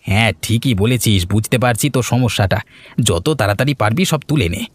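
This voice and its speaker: A man with a lowish, near-everyday voice talks fast in a cartoon role, playing a friendly, eager villager who is chatty and helpful. The recording is dry, with no room sound.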